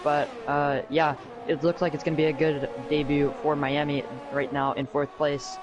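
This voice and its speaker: A man giving live sim racing commentary as co-commentator, with halting, hesitant phrasing. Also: on the high side, little pitch movement, over music. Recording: clearly noisy background.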